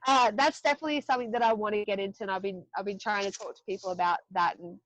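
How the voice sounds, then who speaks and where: A woman's voice: mid-range voice, steady tone, racing, no room sound, rough recording. A woman in her thirties from Australia, a podcast guest chatting candidly and loosely, with swearing and laughing asides. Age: 30s. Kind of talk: casual interview chat.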